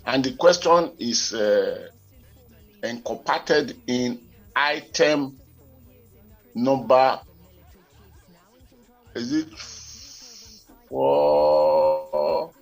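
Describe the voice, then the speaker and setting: A man's voice: medium pitch, big pitch swings, very slow, pauses often, faint music behind. A Nigerian man co-hosting a radio current affairs show, heard over a telephone line, talking in a formal, wordy and digressive way. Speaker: radio talk show co-host.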